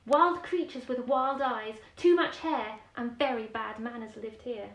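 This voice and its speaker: A fairly high-pitched female storyteller reads a children's picture book at bedtime in an unhurried way. Her expressive reading includes chatty explanations and questions aimed at young listeners. A distant microphone gives the recording a roomy echo.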